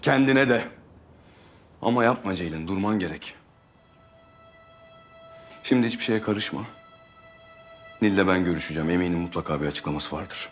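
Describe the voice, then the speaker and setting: A man's voice: low voice, normal speed, pauses often, soft background music, close to an everyday voice. An actor playing a devoted, protective husband in his thirties in naturalistic screen drama dialogue. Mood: earnest. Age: 30s.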